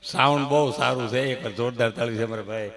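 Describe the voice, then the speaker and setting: A man's voice: medium pitch, fairly even intonation, fast, gravelly, a bit bright. A middle-aged man telling jokes and stories on a live stage mic and leading the audience in applause. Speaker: stand-up comedian on stage. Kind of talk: live folk comedy monologue. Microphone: stage microphone.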